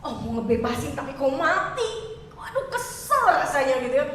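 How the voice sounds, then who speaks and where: A woman pastor giving a chatty, expressive sermon and asking her congregation questions. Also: high voice, moderate pace, a little hiss or hum. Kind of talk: conversational sermon. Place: church hall. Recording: echoey church hall, mic far off.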